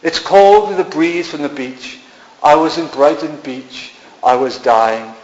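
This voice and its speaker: A man's voice: fairly high pitch, expressive, measured pace, darkish tone. A man giving a poetry reading in an art gallery, with a musing, incantatory delivery and repeated refrains. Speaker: poet. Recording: echoey room, dull lo-fi sound.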